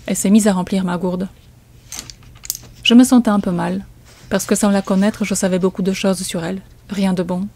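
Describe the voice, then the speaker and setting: A woman's voice: medium pitch, fairly even intonation, normal speed, darkish tone. Woman narrating. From Poland. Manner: storytelling, suspenseful. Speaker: comic author. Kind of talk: first-person narration.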